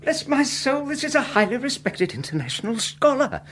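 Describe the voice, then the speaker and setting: A pompous college don, fussy and quick to take offence, with a lively, swooping delivery. Everything sounds stiff and proper, with faint background noise. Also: male voice, very high voice, reverberant, distant mic, full character voice. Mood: indignant. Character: indignant college don, older Englishman. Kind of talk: radio drama acting.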